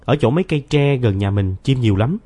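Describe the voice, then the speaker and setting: A man voicing a gentle, earnest little schoolgirl who speaks in a raised, childish voice. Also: medium pitch, expressive, quick pace, close to an everyday voice.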